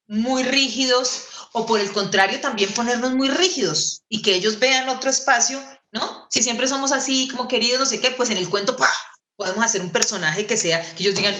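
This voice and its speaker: A woman's voice: on the high side, bright, forceful tone. Theatrical Colombian woman storyteller. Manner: theatrical, playful, shifting into put-on voices. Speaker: storyteller giving a lecture. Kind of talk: animated lecture. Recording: echoey room.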